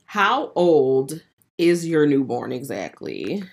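Low-voiced woman hosting a podcast. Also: very animated, takes it slowly, creaky, slight background noise. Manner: steering, asks questions, laughs easily. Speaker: podcast host. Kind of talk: casual interview chat.

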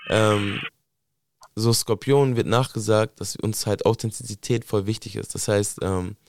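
A man hosting a podcast who talks in a relaxed, slangy way with many fillers. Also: fairly low pitch, unhurried, creaky, slight background noise. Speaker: podcast host. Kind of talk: casual chat.

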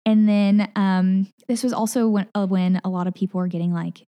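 A woman's voice: medium pitch, normal speed, clear, resonant tone. A woman, a news reporter and guest, chatting casually in an interview and telling stories with laughter and acted-out quotes. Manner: animated storyteller, acts out quotes, laughs often.

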